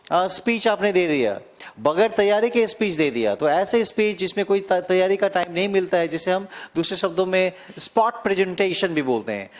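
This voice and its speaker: Male teacher, high voice, slow drawn-out explaining for an exam-prep lesson, repeats key words. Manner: explains slowly, drawing out key words and repeating them, checking in with "है ना?". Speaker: English teacher.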